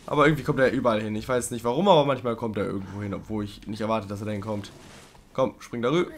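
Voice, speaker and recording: A man doing casual let's play commentary, chatting with the game creature, pleading loudly at times and muttering low at others. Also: very fast, slight background noise. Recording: game music playing underneath. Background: game music.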